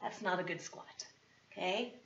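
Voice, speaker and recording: A woman leading instructional workout talk as a fitness coach, chatty and encouraging, with a hoarse voice that is partly lost. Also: fairly low pitch, normal speed, far from the mic, slight background noise. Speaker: fitness instructor and program host. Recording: dull, lo-fi sound.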